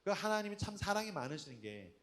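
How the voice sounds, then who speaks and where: A man's voice: high voice, very animated, fast, a bit bright. A man preaching an evening sermon to young adults. He talks in an emphatic, conversational way and keeps asking the audience questions. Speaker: pastor.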